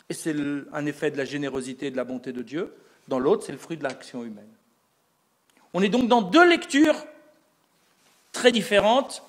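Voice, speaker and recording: High, lively-voiced male lecturer. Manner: asks rhetorical questions and answers them himself; explanatory, building an argument step by step. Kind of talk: recorded lecture.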